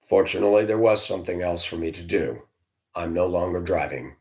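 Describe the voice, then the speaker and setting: A man's voice: low-pitched, brisk, darkish tone. A man who used to drive a school bus, telling his own story in an earnest, heartfelt way while venting his frustrations. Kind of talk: candid personal storytelling.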